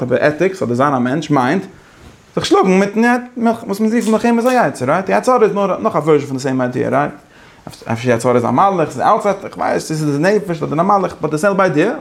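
A man giving a casual, animated lecture that switches between languages, with many halting restarts. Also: on the high side, creaky. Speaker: teacher.

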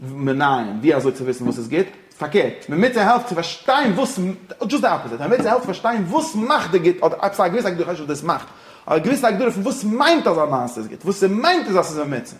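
A man teaching a religious-philosophy lesson, talking rapidly and repeating himself, dropping English phrases into his explanations. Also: sits high, very animated. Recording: echoey room.

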